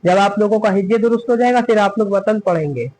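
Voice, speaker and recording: A man's voice: sits high, fast, darkish tone, a little hiss or hum, low-quality recording. A man teaching Quran reading, spelling out letters step by step and asking and answering his own questions. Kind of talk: step-by-step recitation lesson.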